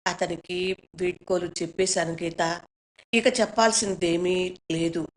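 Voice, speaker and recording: A woman voicing a frightened young woman torn by family duty, speaking in a hushed, pleading way. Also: lowish voice, fairly even intonation, unhurried, close to an everyday voice. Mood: resigned.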